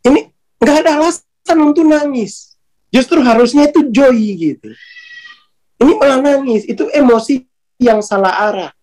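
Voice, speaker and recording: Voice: sits high, lively intonation, moderate pace, a little mellow, low-quality recording. A speaker on a spiritual channel giving a casual talk, informal and colloquial, often laughing between points. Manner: colloquial, with many tag words at sentence ends.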